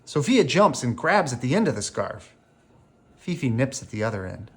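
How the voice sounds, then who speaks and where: Medium in pitch, a storyteller reads a children's picture book aloud in a deliberate, animated way suited to bedtime.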